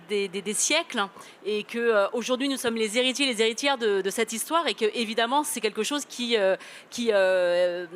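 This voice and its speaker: A woman from France speaking as a panel guest, thoughtful and hesitant, often pausing with fillers and restarts. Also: fairly high pitch. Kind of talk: reflective panel discussion.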